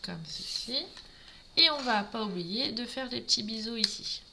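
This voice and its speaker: A woman's voice: a little high, lively intonation, moderate pace, heavy background noise. A French woman with a Norman accent, chatting through a live crafting tutorial and greeting viewers as she works. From France. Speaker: craft demonstrator.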